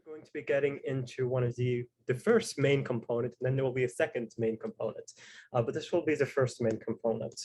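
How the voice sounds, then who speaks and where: A man hosts a panel discussion over a video call. He explains things at a measured pace, often pausing with fillers as he introduces each guest. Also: medium pitch, steady tone, a little mellow. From Tuareg heritage. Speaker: host and moderator.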